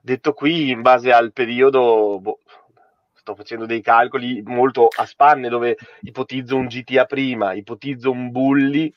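A man's voice: mid-range voice, fairly even intonation, normal speed, dry recording. A man chatting casually and speculatively as a panelist, in dull lo-fi sound. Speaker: panelist on a video game talk show.

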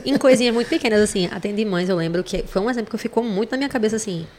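A female school psychologist speaking as a podcast guest. She talks quickly at a middling pitch and explains her ideas in a casual way. She often checks in with tag questions. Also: darkish tone, slight background noise.

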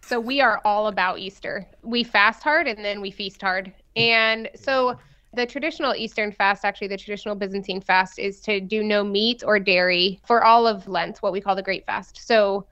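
A woman's voice: medium pitch, normal speed, bright, forceful tone. Female guest, casual conversational delivery, playful and chatty, slightly lo-fi muffled sound. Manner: playful, informal, peppered with "like". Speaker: nun, podcast guest.

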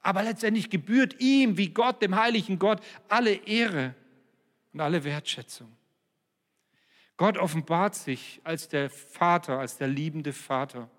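A man preaching a sermon, swinging between loud emphatic passages and quiet, dropped-voice asides. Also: high voice, measured pace. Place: church hall. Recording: reverberant church hall.

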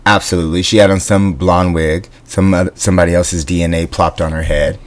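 A man's voice: low voice, fairly even intonation, brisk. A man co-hosting a comedic podcast from inside a closet, trading dry, sardonic comebacks. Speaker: podcast co-host. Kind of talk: casual comedic chat.

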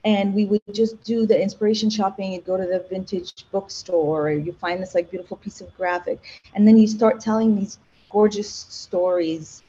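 A woman from Egypt, a podcast guest, telling her career story in casual, animated interview chat with frequent self-corrections. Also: mid-range voice, moderate pace, husky, muffled recording. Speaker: podcast guest, marketing executive.

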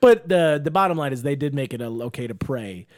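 A young man and former high school coach, co-hosting a podcast in casual chat, rambling and swearing while acting out quotes. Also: animated, a little fast. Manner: rambling, profane, acts out quotes.

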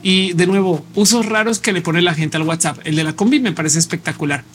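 A man's voice: high voice, brisk, fairly bright tone, faint music behind. A man with a Mexican Spanish accent hosting a casual live show, thinking aloud in a conversational way and reading viewer comments.

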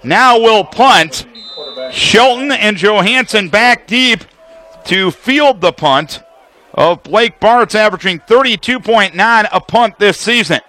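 Working as a radio football announcer, this man has a high, bright voice and calls the game live in short, clipped phrases describing formations and action. His delivery is forceful and projected for sports broadcasting, and he takes it slowly, getting excited on big plays.

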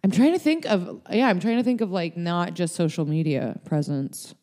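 Young woman, casual podcast guest; mellow tone, candid, meandering delivery. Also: on the low side, moderate pace. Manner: rambling, filler-heavy, candid. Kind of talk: casual chat. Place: LA area.

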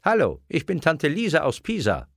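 Guy doing a cheerful rhyming aunt, high and singsongy, bouncy. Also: huge pitch swings, moderate pace, creaky, dry recording, studio quality, heavily acted. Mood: playful. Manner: sing-song, rhyming, teasing. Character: cheerful rhyming aunt, playful grown woman.

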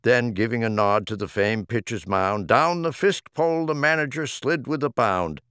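This audiobook reader is a man performing funny rhyming verse with theatrical rhythm. He speaks at a normal speed in a mid-range voice that is clear, resonant and a touch bright, captured at studio quality with no room sound.

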